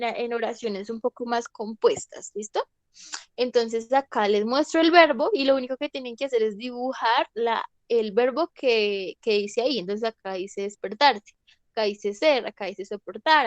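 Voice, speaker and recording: A woman's voice: fairly high pitch, no room sound. A woman, an English teacher explaining a lesson patiently and often checking that students follow. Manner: patient, repeats "¿listo?" to check understanding. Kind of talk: online class explanation.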